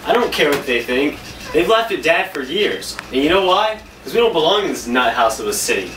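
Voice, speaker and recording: A man's voice: on the high side, very animated, brisk, a bit bright. A young man in an amateur scene playing a restless grown son who is defensive and exasperated with his father, recorded on a distant camera mic. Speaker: student actor. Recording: roomy, distant camera mic, faint hiss.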